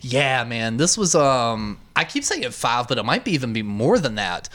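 A man chatting casually and telling stories in a rambling, animated way with plenty of swearing. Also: medium pitch, normal speed. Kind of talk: casual chat, storytelling.

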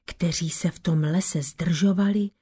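A woman reading a folk tale aloud in a measured storytelling manner, dropping to soft whispers now and then. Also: on the low side, steady tone, husky.

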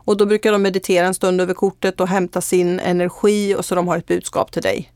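A woman's voice: fairly low pitch, flat delivery, darkish tone, smooth, no room sound. Earnest Swedish-speaking woman, dry sound. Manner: earnest storytelling with frequent fillers. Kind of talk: casual testimony in conversation.

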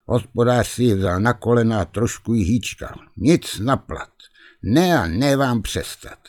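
A man reads a fairy tale aloud at a medium pitch, lively and expressive, leaning into the story's turns. His delivery is that of a practiced storyteller for children.

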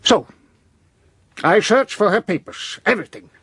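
An actor playing an elderly professor in a radio drama, speaking emphatically with halting phrases and sudden outbursts. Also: male voice, high voice, expressive, a bit bright, husky, dry recording, full character voice. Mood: urgent. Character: elderly male professor, grave and urgent.

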